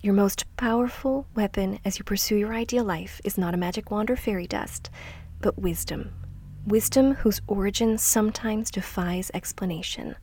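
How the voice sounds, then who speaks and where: A middle-aged woman hosting a scripted self-help podcast, speaking softly and reflectively, often trailing into a near-whisper. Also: mid-range voice, breathy edge. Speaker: podcast host.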